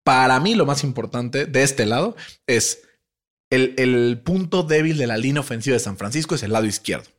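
A man with a Mexican accent, co-hosting a casual sports podcast, slangy and animated with many fillers. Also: mid-range voice, normal speed. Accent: Mexican Spanish. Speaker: podcast co-host.

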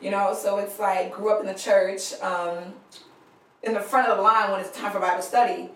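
A woman's voice: mid-range voice, steady tone, normal speed, fairly bright tone. A woman from Liberia co-hosting a faith podcast, speaking in casual chat and quoting scripture. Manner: affirming, quotes scripture, laughs often. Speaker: podcast co-host. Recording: distant mic in a very echoey room.

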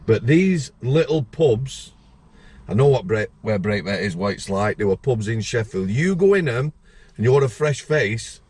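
A middle-aged man with a Yorkshire accent hosting a podcast, chatty and quick to cut in with his own stories. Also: mid-range voice, animated, a little mellow, husky. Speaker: podcast host. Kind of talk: casual interview chat.

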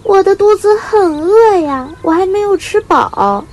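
A woman voicing a young, sulky, tearful bird chick in a storybook reading, calling out high and excited. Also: moderate pace, gravelly. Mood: childlike.

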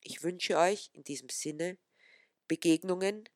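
A narrator reading a reflective, poetic story aloud in a calm, measured way, with frequent pauses between phrases. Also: medium pitch.

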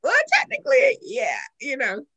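A woman with a Southern American accent hosting a casual group chat, animated and acting out conversations as she talks. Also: sits high, normal speed, dull audio, noisy background. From southern United States. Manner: animated, acts out remembered conversations. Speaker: talk show host.

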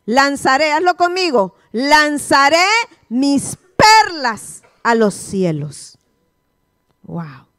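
High-voiced woman pastor preaching. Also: very animated, takes it slowly, a bit bright, no room sound, studio quality. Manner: call-and-response, repeated questions to the congregation. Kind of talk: sermon teaching.

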